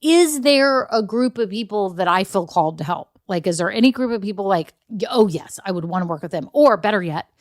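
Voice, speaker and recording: A woman's voice: medium pitch, animated, brisk, dry recording, studio quality. A woman, hosting a casual solo podcast, chatty and encouraging with frequent asides. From Texas. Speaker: podcast host.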